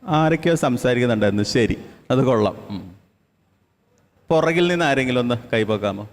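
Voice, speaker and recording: A man's voice: medium pitch, expressive, fairly quick. A man running an interactive session for a children's camp. He echoes each child's answer back, encourages them and mixes English phrases into his speech. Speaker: camp trainer. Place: large indoor hall with an audience. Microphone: handheld microphone. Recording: long reverb of a large hall.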